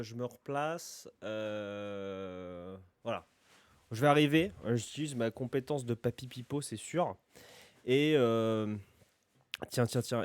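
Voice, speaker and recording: A man's voice: mid-range voice, dry recording. A man chatting casually as a tabletop role-play player, jokey and thinking aloud, often repeating words. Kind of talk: casual game chat.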